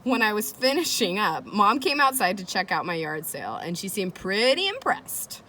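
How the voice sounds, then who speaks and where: A woman hosting a read-aloud shares a children's chapter book, her intonation lively and swinging. She talks straight to young listeners in a chatty, engaging way, at normal speed and a middling pitch, with faint noise in the background.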